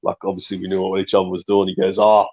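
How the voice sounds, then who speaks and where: An Australian man with a husky voice chatting casually in street slang, saying bro and repeating himself for emphasis. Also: deep voice, completely flat delivery, rapid-fire, dark tone. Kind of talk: casual group chat. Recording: dull lo-fi audio.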